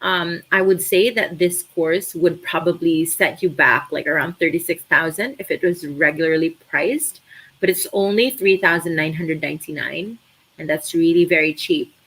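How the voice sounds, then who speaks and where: In a low-quality recording, a young Filipina woman speaks at normal speed in a low, slightly rough voice. A native Tagalog speaker from the Philippines with a Filipino accent, she casually answers viewers' questions on a live stream about an online course, sounding chatty, animated, and heavy on fillers.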